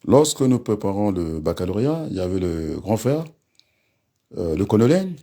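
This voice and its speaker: A man's voice: on the low side, sing-song, moderate pace, dark tone. A man giving a combative political rant, addressing listeners and rivals directly with frequent asides. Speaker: political commentator.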